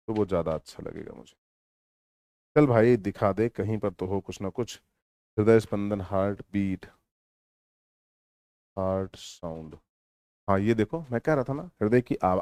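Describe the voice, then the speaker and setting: A male teacher giving a lesson in a lively, teasing manner, at times explaining loudly and at times mumbling quietly while writing. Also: fairly low pitch, dry recording, clean studio sound. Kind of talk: online lecture.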